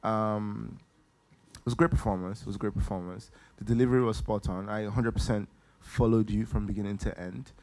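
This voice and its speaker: A man's voice: lowish voice, steady tone, a little fast, a little mellow. A man giving live feedback as a talent show judge, friendly and hesitant, repeating himself.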